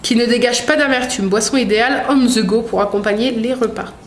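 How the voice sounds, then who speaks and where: A woman with a slightly high voice chats casually through a product unboxing, reading the labels aloud and filling pauses as she goes. Her voice carries the echo of a roomy space, with a faint hiss underneath. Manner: chatty, many fillers, reads product labels aloud. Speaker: vlogger unboxing a food box. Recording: echoey room with faint noise.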